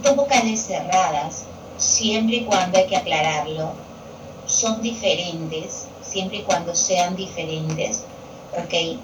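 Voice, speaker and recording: A woman's voice: lowish voice, slow pace, distant mic. A woman teacher explaining grammar to students, patiently repeating key terms. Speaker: Spanish language teacher. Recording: echoey room picked up from afar with television noise.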